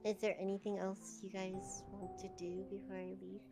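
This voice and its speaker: A woman running a tabletop game as game master, relaxed and teasing her players. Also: mid-range voice, normal speed, vocal fry. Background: background music.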